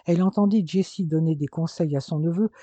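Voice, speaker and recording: An audiobook reader narrating a novel chapter with steady, even delivery. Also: medium pitch, brisk, no echo, lo-fi sound. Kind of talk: scripted narration.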